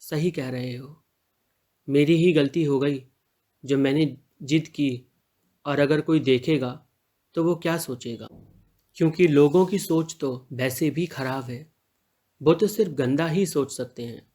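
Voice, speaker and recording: A man's voice: on the high side, measured pace, long pauses, dark tone. A man reading the part of a lovestruck young male college student in an audio story, earnest and pleading. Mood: apologetic.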